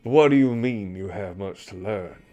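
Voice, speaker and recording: A man voicing a weary, haunted but cordial old commodore in a tabletop game, speaking deliberately in old-fashioned phrases. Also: lowish voice, dark tone, lo-fi sound, natural voice. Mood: haunted, reflective.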